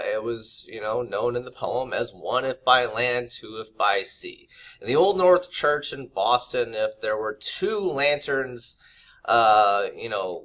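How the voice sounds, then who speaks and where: A man's voice: mid-range voice, pushed and bright. A man giving an unscripted history lesson to camera, loose and conversational, with many fillers and restarts. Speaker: history teacher. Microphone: camera mic.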